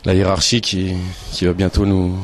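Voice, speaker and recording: Low-voiced young footballer. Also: male voice, little pitch movement, normal speed. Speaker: football player. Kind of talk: casual pre-match interview.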